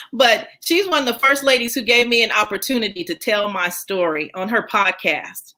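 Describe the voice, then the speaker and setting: A woman's voice: a little high, normal speed, bright, forceful tone, rough recording. A woman hosting a live podcast stream, greeting viewers by name with upbeat faith-centered encouragement and reading her guest's bio. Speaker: podcast host.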